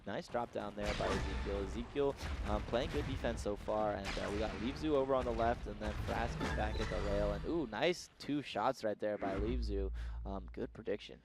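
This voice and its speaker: Low-voiced man, casual esports caster, noisy backdrop. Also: normal speed, vocal fry, hardly any pauses. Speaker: esports commentator. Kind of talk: live esports commentary.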